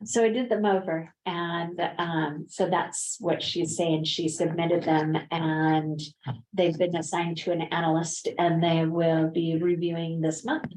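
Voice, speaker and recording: A woman's voice: on the low side, level tone, measured pace, darkish tone, a little hiss or hum, low-quality recording. A woman on a transit district's staff giving an update at a board meeting, hesitant, with many fillers and restarts.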